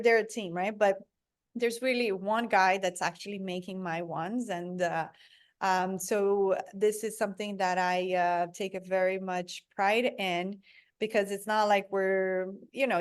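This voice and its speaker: Brazil-born woman, interview guest, earnest, halting with fillers. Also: mid-range voice, fairly even intonation, clear, resonant tone. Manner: earnest, searching for words, many fillers. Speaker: guest, product founder. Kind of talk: conversational interview.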